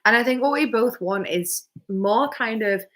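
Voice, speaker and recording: A woman's voice: on the high side, unhurried, fairly bright tone. A young woman, a little tipsy, chatting bluntly and teasingly as co-host. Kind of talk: casual chat.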